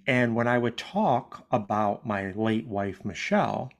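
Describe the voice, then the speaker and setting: A man's voice: lowish voice, unhurried. A man in his thirties co-hosting a podcast, candid and swearing casually, stretching words for emphasis. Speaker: podcast co-host. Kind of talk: casual grief podcast chat.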